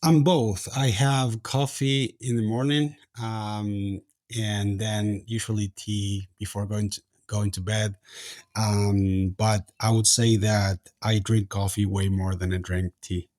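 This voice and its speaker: Low-voiced Argentine man, halting interview guest. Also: little pitch movement, a little mellow, no echo, studio quality. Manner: halting, many fillers and restarts. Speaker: guest, tech founder. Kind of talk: casual interview chat.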